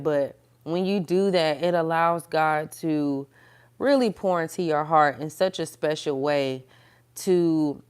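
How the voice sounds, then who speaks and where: A woman giving a candid, conversational faith talk, encouraging listeners in a casual way. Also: low-pitched. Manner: candid, conversational, encouraging, with frequent fillers and laughs.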